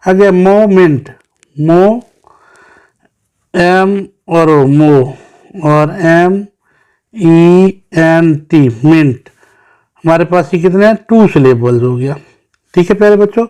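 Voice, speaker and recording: A man's voice: a little high, slow pace, long pauses, a little mellow, clear, resonant tone. A man teaching children English, patiently sounding out words syllable by syllable. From Pakistan. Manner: mixes English terms into Hindi-Urdu explanation. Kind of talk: recorded English lesson for children.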